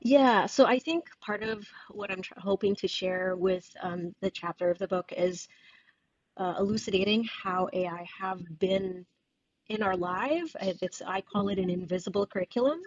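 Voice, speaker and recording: A woman, a guest in an interview who talks thoughtfully, pausing and restarting as she searches for words. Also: mid-range voice, dry recording. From Indonesia. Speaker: guest author. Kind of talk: casual interview conversation. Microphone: video call. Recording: dull dry video call audio.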